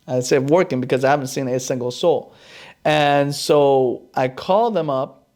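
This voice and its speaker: A man's voice: mid-range voice, measured pace. A man who works as a chiropractor, hosting a podcast and telling a casual story about his own experience, acting out the dialogue with animation. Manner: animated, acts out quoted dialogue.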